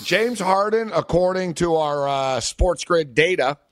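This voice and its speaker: A man co-hosting a sports betting podcast, his slightly high voice loose and full of laughter. He rambles through stories in a chatty way. The dry, close mic leaves almost no room sound. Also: expressive, a little slow, fairly bright tone, no echo. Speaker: podcast co-host. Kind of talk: casual sports betting chat.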